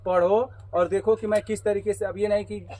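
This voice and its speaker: A man's voice: high voice, flat delivery, a little fast, mellow, poor audio. A man teaching a math class to students. He keeps asking the class questions and repeating their answers. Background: students answering in chorus.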